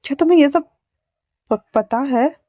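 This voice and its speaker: A woman's voice: high voice, measured pace, dry recording, voice pushed up. Woman voicing a panicky young doctor guy. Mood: anxious. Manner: panicky, breathless scolding. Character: anxious young male doctor in love. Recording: dry, dull lo-fi sound.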